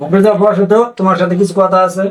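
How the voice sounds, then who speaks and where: Man doing an angry returned husband, Bangladeshi accent, high pitched, demanding, distant mic. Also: flat delivery, racing, natural voice. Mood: serious. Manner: insistent, demanding. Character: husband back from abroad, demanding his savings. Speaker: returned migrant worker. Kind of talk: amateur drama acting.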